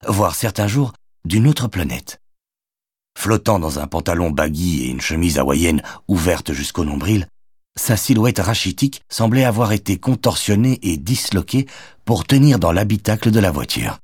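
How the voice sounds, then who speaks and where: A man narrating a novel as an audiobook, reading in an expressive storytelling manner on a close microphone. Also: low voice, moderate pace, husky, dry recording. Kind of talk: scripted narration.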